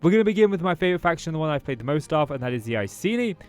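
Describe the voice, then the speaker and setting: Still recovering from a throat infection, a gaming YouTuber from Britain casually narrates his own strategy gameplay in let's-play style, musing as he goes. His slightly high voice is sing-song, clear and resonant, delivered rapid-fire. Soft music runs underneath.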